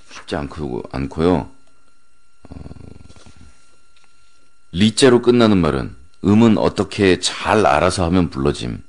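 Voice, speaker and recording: A man's voice: deep voice, a little mellow. A man in his thirties hosting late-night radio, teasing listeners and rattling off long rhythmic word lists. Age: 30s. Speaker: radio host. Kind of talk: late-night radio talk with rapid word-chain recitation.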